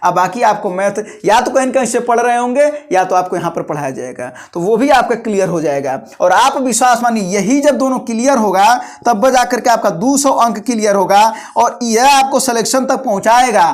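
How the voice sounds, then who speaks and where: A man's voice: very high voice, normal speed, hardly any pauses. Coaxing man teaching. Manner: repetitive, coaxing, colloquial exhortation. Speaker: coaching teacher. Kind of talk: exam guidance talk to students.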